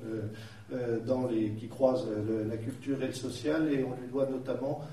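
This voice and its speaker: A man introducing round-table speakers as event presenter, halting and searching for his words. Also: mid-range voice, steady tone, mellow. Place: indoor conference hall. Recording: very echoey hall, distant mic, faint noise.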